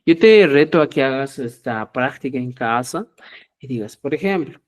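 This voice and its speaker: A middle-aged man leads a live online language lesson in a lively, talkative way. He plays both speakers in short sample dialogues, lifting his voice for each question. He keeps checking in with his viewers and calls them dear friends. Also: mid-range voice, moderate pace. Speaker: Quechua language teacher.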